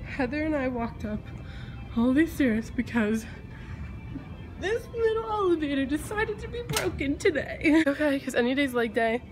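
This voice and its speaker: A woman's voice: sits high, sing-song, normal speed, over music. A woman vlogging casually on a handheld camera, rambling and joking at herself as she walks through public places. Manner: rambling, jokey, self-mocking. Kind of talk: casual vlog chat. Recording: busy crowd and street noise.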